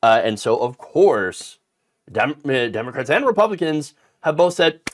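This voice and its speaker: A man hosting casual political commentary, sarcastic and animated, mocking politicians with put-on quotes. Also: mid-range voice, normal speed, slight background noise.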